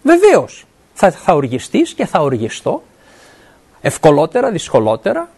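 A middle-aged preacher delivers a sermon, and the pitch rises and falls in wide, animated swings. The delivery is earnest and plain-spoken, with frequent pauses to check that listeners follow and with scripture quoted along the way. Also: slightly rough. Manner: earnest, often stops to ask "right?" and quotes scripture. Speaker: university academic.

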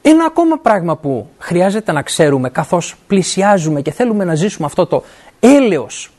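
A middle-aged preacher delivers a sermon, and the pitch rises and falls in wide, animated swings. The delivery is earnest and plain-spoken, with frequent pauses to check that listeners follow and with scripture quoted along the way. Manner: earnest, often stops to ask "right?" and quotes scripture. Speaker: university academic.

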